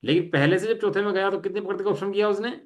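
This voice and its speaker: A middle-aged man teaching a study class, reading definitions slowly and asking students to check their understanding. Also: high-pitched.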